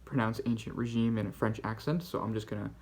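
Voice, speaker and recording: A man with a Canadian accent hosting a casual book-haul vlog, talking in a halting, rambling way as he goes. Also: on the low side. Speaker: book channel host.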